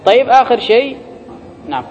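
High-voiced male grammar teacher, lecture-hall reverb, dull lo-fi sound. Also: sing-song, fairly quick, very noisy. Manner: reads the text aloud, then explains it and quizzes students. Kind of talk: classroom lecture reading and explaining a text.

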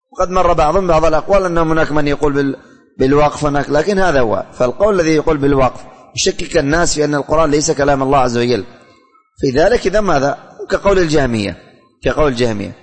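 A man's voice: a little high, big-room sound. A man teaching a religious studies class, calling on students by name, asking questions and repeating the answers.

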